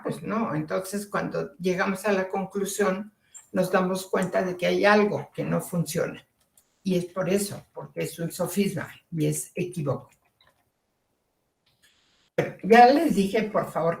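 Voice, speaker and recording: Female lecturer, Mexican Spanish accent, unhurried, deliberate explanations, roomy sound. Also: medium pitch, vocal fry, darkish tone. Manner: slow, deliberate, repeats key phrases. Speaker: teacher. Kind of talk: lecture on logic and fallacies. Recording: echoey room.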